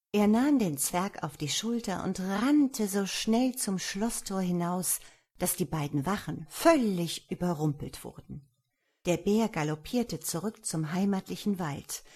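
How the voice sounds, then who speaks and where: A woman reading a children's fairy tale with lively expression. Her voice sits somewhat low and has a husky, breathy texture. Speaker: storyteller. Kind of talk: storybook reading.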